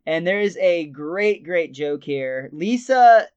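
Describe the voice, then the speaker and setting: A man's voice: on the high side, expressive, slow pace, a little mellow, smooth. Chatty man retelling cartoon scenes. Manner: retells scenes in detail, chuckling often. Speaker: podcast co-host. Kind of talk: casual podcast episode review. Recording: slightly dull lo-fi sound.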